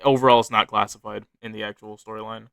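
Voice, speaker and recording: A man with a low, fry-edged voice reads his writing aloud in casual chat. He rambles, stops to fix himself and swears without care. The sound is bright and dry, with no room around it. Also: flat delivery, quick pace, dry recording. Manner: rambling, self-correcting, swears freely. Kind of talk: casual chat, reading his own fiction notes aloud.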